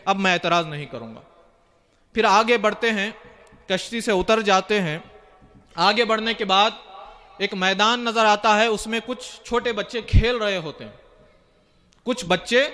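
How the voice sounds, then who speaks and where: A man's voice: sits high, sharp tone. A male Islamic preacher from India telling a religious story in a sermon, retelling it vividly and acting out the quoted dialogue.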